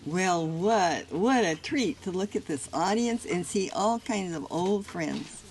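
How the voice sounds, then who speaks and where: An older woman giving a thank-you speech as guest of honor outdoors, halting with many fillers. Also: on the low side, expressive, background noise. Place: outdoor county park.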